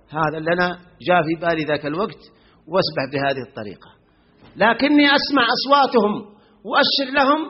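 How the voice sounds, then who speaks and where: Male preacher, raised pitch, husky tone; emotive sermon tale, dull recording with long reverb. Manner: dramatic, emotive storytelling with sharp rises. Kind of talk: sermon storytelling. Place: large tent at a public event. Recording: echoey hall, dull lo-fi sound.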